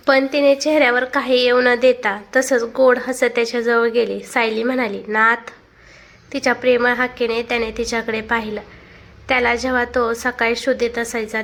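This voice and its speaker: A woman reading a family drama aloud as the storyteller, steady and emotive. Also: fairly high pitch, vocal fry. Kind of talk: storybook narration.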